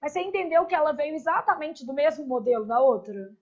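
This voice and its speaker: A woman leads a classroom grammar lesson in a high voice. She stretches out each conjugated form and keeps checking in with the class through quick questions. The recording is dull and lo-fi. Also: darkish tone. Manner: spells out verb forms slowly, asks the class rhetorical questions. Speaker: Portuguese grammar teacher.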